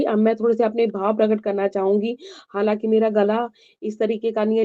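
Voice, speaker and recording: Heartfelt woman with a mellow voice. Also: mid-range voice, a little hiss or hum. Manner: heartfelt, thankful, halting. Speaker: devotee sharing a testimony. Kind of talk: devotional testimony. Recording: dull lo-fi audio.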